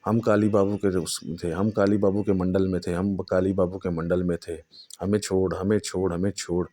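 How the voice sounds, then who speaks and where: A man's voice: low-pitched, level tone, warm tone, natural voice. A man voicing trapped spirits who plead in a repetitive chant to be set free. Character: trapped wailing spirits begging for release.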